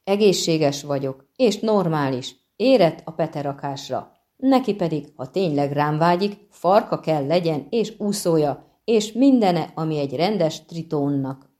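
A haughty, petulant siren shrills her demands, as a woman reader puts her on. The storybook sea creature sounds high and indignant, pushed up well above a dark, mellow reading voice. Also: animated. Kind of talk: audiobook reading.

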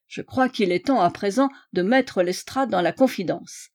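A woman's voice: medium pitch, moderate pace, a little mellow, lightly acted. A woman voicing Sherlock Holmes as a shrewd, playful male detective in an audiobook, courteous and wry. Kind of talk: audiobook character reading.

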